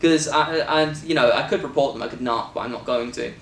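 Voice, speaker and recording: A man's voice: mid-range voice, a little fast, a bit bright. Rambling British man in an echoey room. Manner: rambling, jokey, many fillers. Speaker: filmmaker and co-host. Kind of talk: casual chat. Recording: echoey room from a distance with faint noise.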